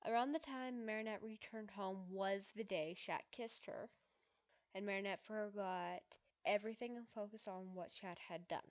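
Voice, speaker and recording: A woman's voice: mid-range voice, normal speed, muffled recording. Chatty woman reading her own fan story. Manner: chatty, stifling laughs. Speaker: fanfiction author. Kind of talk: reading own fanfiction aloud.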